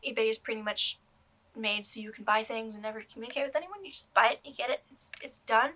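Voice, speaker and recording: A woman's voice: a little high, fast, pushed and bright. A young woman doll collector talking casually to camera, rambling with many ums and restarts. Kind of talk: casual vlog review.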